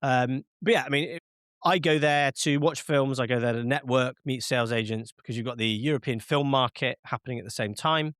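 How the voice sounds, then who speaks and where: Brisk and fairly bright, this mid-range male voice belongs to the host of a laid-back film podcast who sounds a little nasal, as if he has a cold. His talk is full of fillers and restarts, captured in studio quality without any echo.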